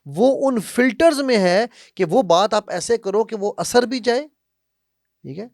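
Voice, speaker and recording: A man speaks in a gravelly, slightly raised voice, delivering a forceful self-help talk rooted in faith. He drives his points with rhetorical questions, slips English phrases into his speech, and checks in with listeners as he goes. The recording is dry and close. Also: sits high, expressive, dry recording. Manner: emphatic, keeps asking "right?" and uses rhetorical questions. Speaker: motivational speaker.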